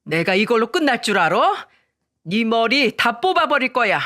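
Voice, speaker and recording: A man's voice: extremely high pitch, big pitch swings, normal speed, bright, forceful tone, voice pushed up, full character voice. Man doing a furious older mother. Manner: scolding, threatening.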